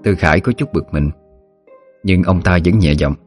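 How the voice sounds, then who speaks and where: A man narrating a ghost story in a steady, measured way. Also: low voice, soft background music. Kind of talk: scripted horror story narration.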